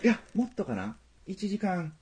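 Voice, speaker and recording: A man's voice: sits high, sing-song, normal speed, warm tone, breathy edge. A man with a Tosa accent chatting casually as a podcast co-host, joking and laughing often, with playfully formal asides. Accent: Tosa (Kochi) Japanese. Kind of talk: casual chat.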